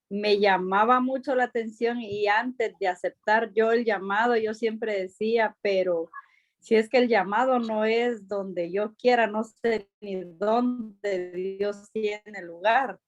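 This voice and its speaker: A woman's voice: medium pitch, fairly even intonation, slow, dull audio. A woman in a church group sharing her thoughts earnestly and reflectively, with fillers.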